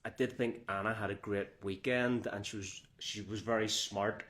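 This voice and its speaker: A man co-hosting a trail running podcast, telling stories in lively, joking banter. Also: fairly low pitch, normal speed. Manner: lively storytelling, jokey. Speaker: podcast co-host. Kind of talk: casual banter.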